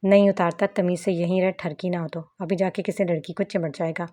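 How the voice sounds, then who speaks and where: A woman's voice: fairly low pitch, steady tone, a little fast, warm tone, natural voice. A woman voicing a protective young man who teases and mock-scolds a child. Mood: teasing.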